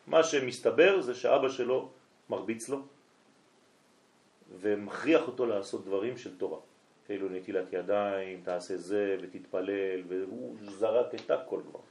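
A man's voice: lowish voice, creaky, darkish tone. A man, a rabbi, telling a story during a night lesson and acting out both sides of a conversation. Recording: echoey room.

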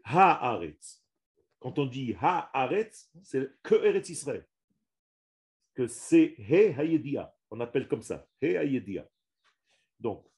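A man's voice: mid-range voice, lively intonation, takes it slowly, dark tone. A man teaching a religious lesson on the Hebrew language to a small group, speaking in an emphatic way, repeating and restarting his words and stressing each Hebrew term.

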